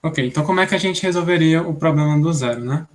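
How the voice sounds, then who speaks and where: Speaking quickly in a slightly high voice, a young instructor from Brazil leads an online programming class. He reasons out loud one step at a time, dropping frequent "né?" tags to check that students follow.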